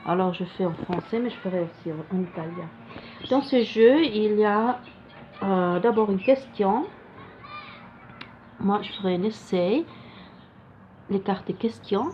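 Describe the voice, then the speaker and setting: Woman w foreign accent in french, not native, talking super slow n halting about cards, kinda muffled lofi audio. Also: mid-range voice. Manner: halting, searching for words, non-native phrasing. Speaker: card reader presenting a card deck. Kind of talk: casual improvised explanation to viewers. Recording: dull lo-fi sound with faint noise.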